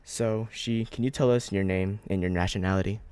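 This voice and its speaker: A man's voice: fairly low pitch, fairly even intonation, fairly quick, a little mellow, smooth. A man hosting a casual interview, asking rambling questions with lots of fillers and restarts. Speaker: host, interviewer.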